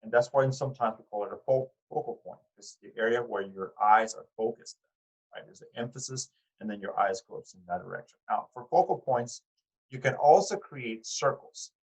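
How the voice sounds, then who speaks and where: This rough recording of a class lecture features a male art teacher with a husky, mid-range voice speaking at a moderate pace. His style is conversational, with fillers and restarts, and he frequently turns to his students with questions.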